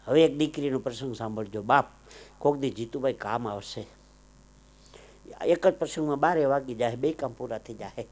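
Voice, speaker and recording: A man with a Kathiawadi Gujarati accent telling emotional folk anecdotes on stage, swelling loud on some lines and dropping low on others. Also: moderate pace. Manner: dramatic swells, loud declaiming then softer asides. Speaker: folk storyteller and comedian.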